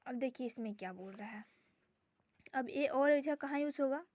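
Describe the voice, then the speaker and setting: High-voiced woman teaching grammar. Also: a little mellow, dull audio. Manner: asks and answers her own questions, repeats words slowly. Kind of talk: casual grammar lesson. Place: home with sisters noisy in background.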